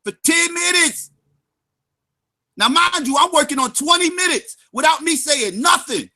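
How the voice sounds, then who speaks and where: A man's voice: very high voice, expressive, measured pace, pushed and bright. Heated, profane man ranting. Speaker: livestream commentator. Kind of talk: angry ranting commentary.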